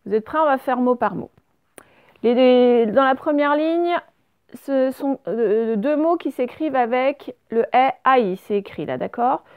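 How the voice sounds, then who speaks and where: Woman, primary teacher, slow and patient, letter-by-letter spelling, dry close recording. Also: high voice, expressive, clear, resonant tone, no echo, phone-quality sound. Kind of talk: recorded remote spelling lesson.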